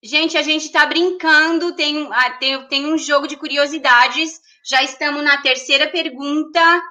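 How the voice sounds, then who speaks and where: A woman's voice: high voice, fairly even intonation, a little slow, sharp tone. A woman hosting a casual livestream, chatting and laughing as she reads viewer comments aloud. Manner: giggly, laughs often. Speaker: livestream host.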